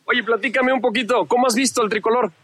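A man outdoors interviewing passersby on a city avenue, asking brisk, friendly questions. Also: very high-pitched, steady tone, fairly bright tone. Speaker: street interviewer. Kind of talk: vox pop interviews.

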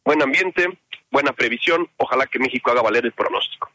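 A man reporting live from a city street, speaking in a measured, conversational way to the anchor. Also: medium pitch, sing-song, creaky, sharp tone, no echo, rough recording. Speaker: field reporter.

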